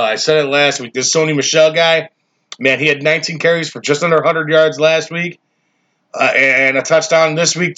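A man's voice: a little high, fairly bright tone, highs cut off. A man doing a casual football recap for fantasy players, profane and exasperated as he rants about the week's games.

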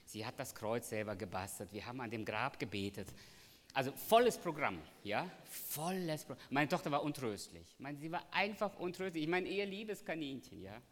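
A man delivers a sermon with lots of movement in his voice. He drops almost to a whisper, then rises loud and high, and tells homely anecdotes. His voice carries through a hall with a long reverb. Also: normal speed. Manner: lively, storytelling, swings from hushed to loud. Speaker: preacher.

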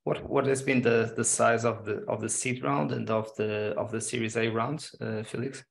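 A man's voice: mid-range voice, steady tone, normal speed, vocal fry. A man interviewing a guest in a conversational style, asking questions and giving short acknowledgements.

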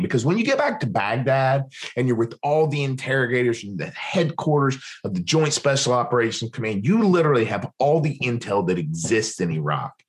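A man, a podcast guest, telling a story in conversation and acting out the dialogue of the people in it. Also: lowish voice.

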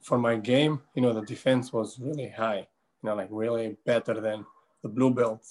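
Man, Albanian accent, non-native English, short halting replies, mid pitch. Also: steady tone, a little mellow. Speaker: podcast guest. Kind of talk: casual interview chat.

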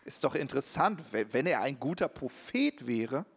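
A man interpreting a sermon live, quick and earnest, with the odd hesitation. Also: medium pitch, big pitch swings, slightly rough.

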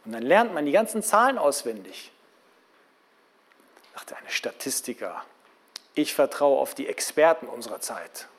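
A man preaching a sermon in a lively, conversational way, asking his listeners questions. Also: mid-range voice, measured pace, pauses often, slightly rough.

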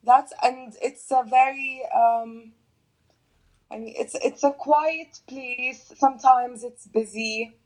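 A woman's voice: sits high, steady tone, takes it slowly, darkish tone, rough recording. A young woman from Jordan, a fashion influencer, answering interview questions hesitantly with many fillers. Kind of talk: casual interview chat.

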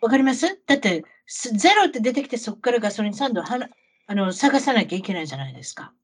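With a Kansai Japanese accent and the manner of a talkative auntie, this middle-aged podcast co-host shares travel anecdotes in lively casual chat, peppered with rhetorical questions for the listener. She races along in a fairly high, slightly rough voice.

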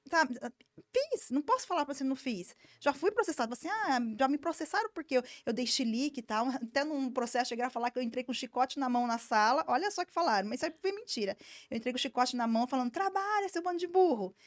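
A woman's voice: sits high, quick pace. A woman, a business owner, talking candidly and emphatically in a casual interview. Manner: candid, emphatic, animated storytelling.

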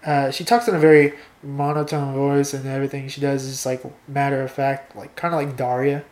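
A young woman chatting casually with a friend and reading out a story she wrote, playful and quick to laugh. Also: very deep voice, level tone, darkish tone, reverberant. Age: young adult. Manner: playful, laughs easily, reads a story aloud. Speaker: co-host.

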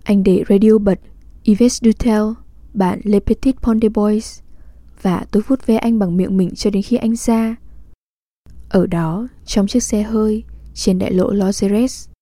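A woman reading a literary diary aloud in a calm, measured, intimate way. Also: mid-range voice, no room sound, studio quality. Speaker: reader.

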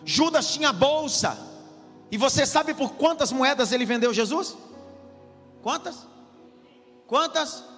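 A man's voice: extremely high pitch, animated, slow, long pauses, fairly bright tone. A man, a pastor preaching a sermon, often repeating his lines as he builds intensity. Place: church hall. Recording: hall reverb with faint music.

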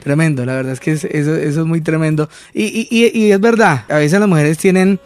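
Chuckling man, higher voice. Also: brisk, darkish tone, no echo, soft background music. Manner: chuckling often, acts out a couple in quoted dialogue. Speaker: co-host.

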